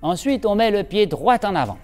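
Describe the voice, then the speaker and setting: A man teaching an aikido class, guiding breathing with calm, steady cues and giving brisk instructions. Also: sits high, in a large hall, soft background music. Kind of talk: instructional demonstration.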